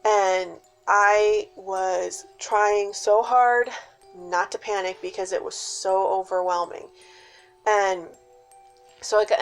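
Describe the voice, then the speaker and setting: A woman casually telling a personal scary story in a suspenseful, dramatic way, with hushed dips and emphatic stresses. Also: medium pitch.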